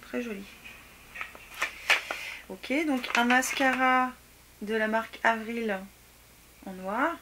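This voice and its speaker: A woman with a slightly high voice talks casually to her viewers at home as she opens letters and parcels. She swings between bright exclamations and hushed, breathy murmurs. The home recording carries clear background noise and clicks. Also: takes it slowly, pauses often. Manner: chatty, exclaiming, often drops to soft near-whispers. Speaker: beauty vlogger opening fan mail. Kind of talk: casual unboxing chat.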